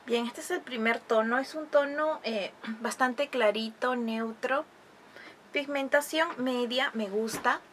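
A woman's voice: fairly high pitch, slow, a bit bright, slight background noise. Chatty woman reviewing makeup. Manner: chatty, explanatory, uses many diminutives. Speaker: beauty vlogger.

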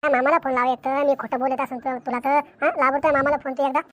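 A woman's voice: high-pitched, little pitch movement, very fast, over a noisy crowd, close to an everyday voice. A woman voicing a suspicious, nagging teenage village daughter in a cartoon comedy, pressing questions over and over. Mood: accusing.

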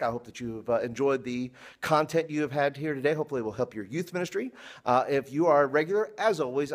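A middle-aged American man, an upbeat, chatty youth pastor talking casually to camera. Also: medium pitch. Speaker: youth pastor, show host. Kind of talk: casual vlog talk to camera. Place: large indoor youth room with stage. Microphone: handheld phone at arm's length.

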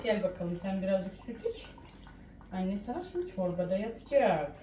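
A woman's voice: mid-range voice, animated, normal speed. A woman filming a home vlog in her kitchen, coaxing and comforting her toddler in cooing baby talk. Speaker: vlogger mother. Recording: roomy, distant, noisy phone recording.

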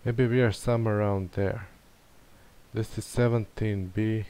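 A streamer talks through a map-guessing game under his breath, unsure and questioning his choices as he goes. His voice sits on the low side with a dark, clean tone, fairly even intonation, and a measured pace.

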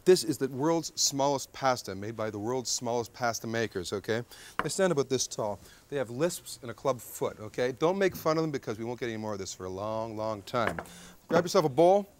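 A man's voice: medium pitch, expressive, a little fast, background noise. A man in his thirties hosting a TV cooking show at an outdoor grill, chatty and joking, often tagging lines with "okay?". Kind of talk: jokey TV cooking demonstration. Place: outdoor backyard grill deck.

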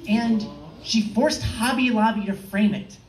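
A young woman performing a stand-up comedy set on a club stage, delivering dry, deadpan one-liners with the odd filler. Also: fairly high pitch, a little slow, heavy background noise. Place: comedy club stage, in front of a live audience. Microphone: far room pickup, no mic held. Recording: echoey club heard from far off.

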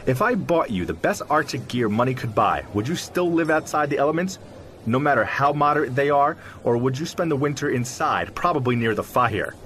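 In a scripted but conversational audio drama interview, a man plays a self-assured, articulate zoologist who believes in Sasquatch, explaining his field emphatically like a professor. His mid-range voice is brisk, expressive and a bit bright, close to an everyday voice, and he sounds confident and explanatory. A little hiss or hum is audible.

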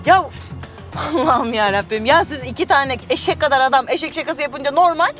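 A woman's voice: high voice, brisk, music in the background, natural voice. Woman playing a fiery, rattled young wife. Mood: exasperated. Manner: exasperated, animated scolding. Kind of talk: TV comedy-drama acting.

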